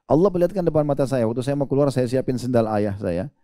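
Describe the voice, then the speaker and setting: A male preacher speaks in a warm, dark voice, heard close and dry. He delivers his sermon conversationally, telling stories and rising in pitch when he stresses a point. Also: animated, quick pace, no room sound. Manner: conversational storytelling with rising emphasis.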